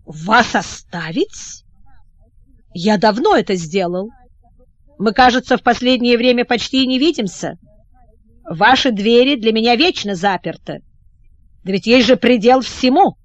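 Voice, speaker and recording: A woman's voice: expressive, a little slow, long pauses, no echo, highs cut off. A woman voicing a furious, indignant young prince who sputters with rage in an audiobook. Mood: pleading. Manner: shrill, raging, sputtering. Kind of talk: audiobook character reading.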